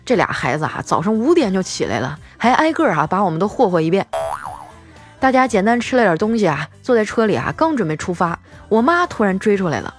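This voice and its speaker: A woman's voice: medium pitch, very animated, quick pace, soft background music. A female host telling scripted comic stories in a playful way, chuckling between jokes.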